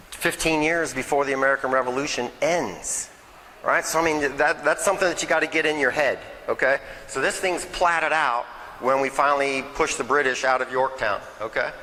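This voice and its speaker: A man's voice: medium pitch, sharp tone, in a large hall, slight background noise, rough recording. A man giving a nervous, chatty local history talk to a small audience, often checking in with "okay?" and "right?". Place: meeting hall, in front of a crowd.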